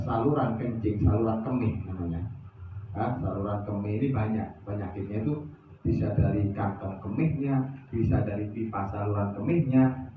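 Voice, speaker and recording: A man preaching at a religious study session, animated, asking rhetorical questions of his listeners. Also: fairly low pitch, a little hiss or hum. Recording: echoey, distant, dull lo-fi sound.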